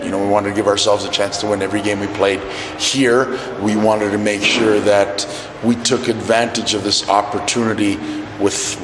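Middle-aged coach in an echoey arena. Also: male voice, fairly low pitch. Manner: measured, repeats words while searching for phrasing. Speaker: national team head coach. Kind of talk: postgame interview. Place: indoor arena press area by a sponsor wall. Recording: echoey arena hall with noise.

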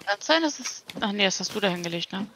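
A woman's voice: medium pitch, animated, quick pace, vocal fry, background noise. A woman chatting casually with a co-player during a video game. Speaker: let's play gamer. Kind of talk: casual gaming chat with a co-player.

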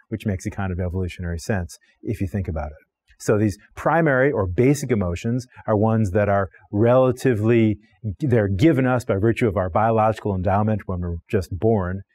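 A man's voice: fairly low pitch, darkish tone, no room sound. A middle-aged man explaining ideas in a recorded online course lecture, talking freely with frequent restarts and repeated words, filmed in a studio. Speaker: philosophy lecturer. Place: studio with plain backdrop.

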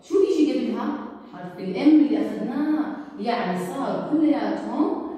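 A woman's voice: fairly high pitch, lively intonation, a little fast, warm tone. A woman teaching a kindergarten class, drawing out letter sounds in a singsong way and praising often. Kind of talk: recorded lesson for young children. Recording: echoey room from far off.

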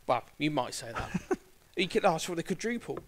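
Male guest sports commentator, English accent, slightly high voice, chatty and repetitive, casual banter. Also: sing-song, moderate pace. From England.

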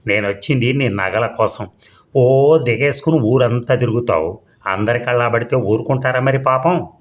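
A man's voice: medium pitch, moderate pace, highs cut off, close to an everyday voice. A man voicing a skinny, swaggering male burglar who bullies and threatens, in a comic audio story. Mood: threatening.

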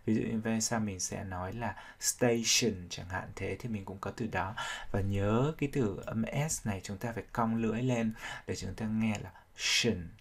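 A man's voice: on the low side, steady tone, moderate pace, few pauses, husky. A man teaching English vocabulary, explaining each sound step by step and repeating words to drill them. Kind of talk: vocabulary pronunciation lesson.

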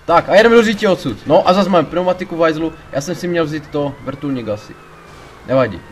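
A man commentating his gameplay in a casual, rambling way, his voice sitting a little high for a man. He gets excitable, swears freely and shouts in panic when the game turns against him, with faint noise behind him. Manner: excitable, swears a lot, panics loudly in tense moments. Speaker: let's play gamer.

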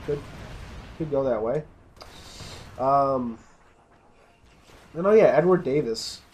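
With slight background noise behind his mid-range voice, a man narrates his gameplay in a loose, casual style. He wanders off topic and keeps cutting himself off to begin sentences again.

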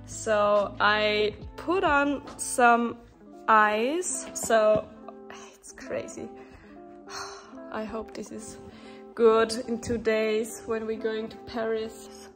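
A woman's voice: a little high, steady tone, extremely slow, a bit bright, soft background music. A young woman with a sick, congested voice, chatting casually in a daily vlog and laughing often. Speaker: vlogger.

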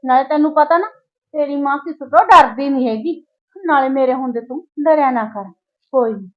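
A woman's voice: sits high, moderate pace, natural voice. A woman playing a protective mother who scolds her daughter-in-law and defends her own daughter, with a Punjabi accent. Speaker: mother and neighbour. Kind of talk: village short-film acting. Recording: dull, lo-fi sound.

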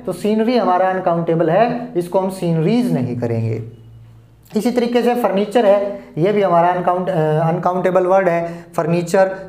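A man's voice: sits high, a little mellow. A man teaching an English grammar lesson to students, explaining patiently and repeating each point. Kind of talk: classroom lesson explaining at a board. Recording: echoey room.

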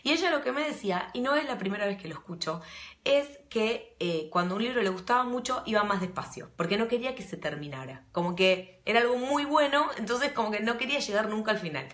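A woman's voice: medium pitch, expressive, fast talker, a bit bright. A woman with a Rioplatense Argentine accent, chatting casually with her audience on a live stream as a book vlogger. Her talk rambles, full of fillers and restarts. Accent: Rioplatense Argentine Spanish. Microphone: phone or laptop mic. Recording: roomy echo.

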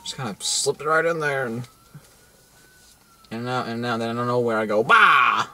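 Bright-voiced young man rambling crude stories. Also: medium pitch, normal speed, a little hiss or hum. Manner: rambling, joking storyteller with crude humor. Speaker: co-host. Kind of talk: crude comedy banter.

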